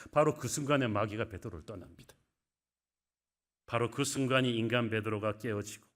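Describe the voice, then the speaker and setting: A man's voice: medium pitch, fairly bright tone. Male pastor, dramatic sermon delivery, mic'd in a church. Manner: emphatic, dramatic rises and drops in volume. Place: church sanctuary.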